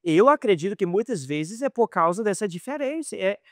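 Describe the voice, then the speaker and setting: American missionary, middle-aged, high-pitched, dry close sound, chatty lesson delivery with restarts. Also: male voice, lively intonation, brisk, no echo. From United States. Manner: conversational, repeats and restarts words, acts out quoted dialogue. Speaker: missionary teacher. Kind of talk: informal Bible lesson.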